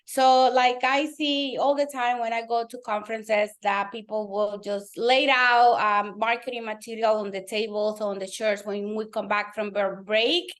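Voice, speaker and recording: A Dominican woman, a native Spanish speaker with a Dominican accent, talks animatedly as a guest real estate team leader in a webinar conversation. Her slightly high voice holds a steady tone, a little slow, with hardly any pauses.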